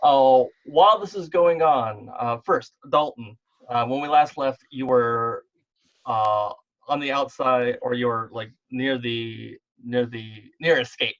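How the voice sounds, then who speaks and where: A man running a tabletop game over an online call, narrating slowly in a laid-back, thinking-aloud way. His voice sits at an ordinary middle pitch. It comes through muffled, lo-fi call audio. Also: fairly bright tone. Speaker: game master.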